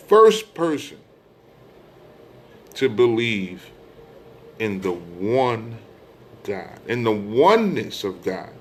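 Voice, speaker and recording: A middle-aged man from the United States, speaking at medium pitch, addresses his online followers in an informal religious monologue. He is emphatic, leaning on repeated phrases and rhetorical questions. There is slight background noise.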